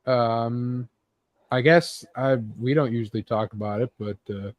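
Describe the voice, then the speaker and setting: A man with a mid-range voice co-hosts a casual podcast chat about movies and games, speaking unhurriedly. He sounds conversational and a bit hesitant and swears now and then. The recording is dry and lo-fi.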